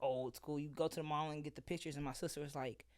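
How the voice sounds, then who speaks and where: A woman guest on a podcast, telling candid, expressive stories in casual chat and laughing often. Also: low-pitched, fast, dry recording, studio quality.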